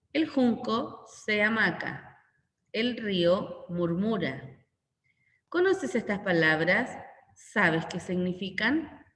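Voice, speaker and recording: A woman's voice: medium pitch, a bit bright. A Chilean woman teaching a primary school lesson, going through the worksheet and repeating each question in plainer words. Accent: Chilean Spanish. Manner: instructional, repeats questions and explains. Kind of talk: recorded class walkthrough. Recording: echoey room with long reverb.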